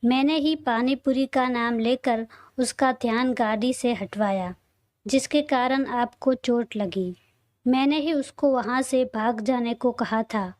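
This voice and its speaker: A woman voicing a lively young woman who is a cheeky little sister, in a read-aloud audio story. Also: fairly high pitch, slow, no echo, studio quality. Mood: apologetic.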